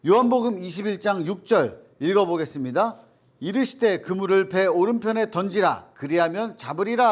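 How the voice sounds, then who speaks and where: A man leads a children's Bible lesson in a fairly high, very animated voice. He talks straight to the kids, quizzes them and acts out the quoted voices in the story. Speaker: children's ministry teacher.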